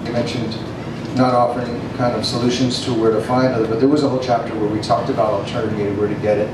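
A man's voice: medium pitch, little pitch movement, fast. A middle-aged man answering audience questions at a film screening, breezy and slangy, speaking into a handheld mic. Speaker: film panelist. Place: small cafe gallery with audience. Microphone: handheld mic, far camera. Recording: echoey room from far off, noisy.

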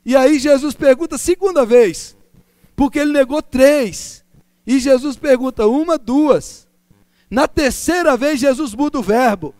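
A man preaching a sermon, impassioned and building repetitive lists that swing between raised exclamations and hushed low passages. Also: measured pace, no echo, clean studio sound.

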